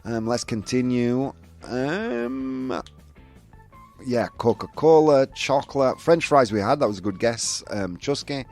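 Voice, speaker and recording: A man's voice: medium pitch, slow. A British man hosting a casual livestream game and reading out viewers' answers in a chatty way. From United Kingdom. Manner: chatty, reads viewer answers aloud, animated. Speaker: show host. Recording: faint background music.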